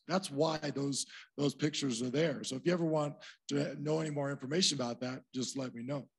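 Hoarse gravelly-voiced male pastor preaching. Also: on the high side. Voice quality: gravelly, husky. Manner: conversational, explaining with asides. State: hoarse, nearly lost voice. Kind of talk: sermon.

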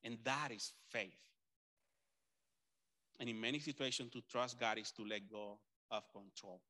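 A man from Colombia's Caribbean coast with a Colombian accent, preaching a conversational sermon with animated storytelling, restarts and asides. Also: mid-range voice, unhurried. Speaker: pastor.

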